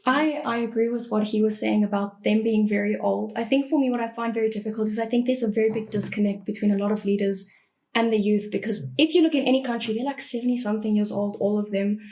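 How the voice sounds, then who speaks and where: A woman's voice: medium pitch, steady tone, fast talker, darkish tone. A woman in her early twenties, a student on a panel, explaining her views earnestly and at length. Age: 20s. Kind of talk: casual panel discussion.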